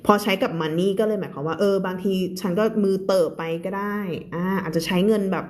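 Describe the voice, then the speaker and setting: A woman teaching English on a live stream with a Thai accent. She reads English lines slowly and explains them quickly, laughing often. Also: fairly low pitch, a little mellow. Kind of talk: live-streamed reading lesson.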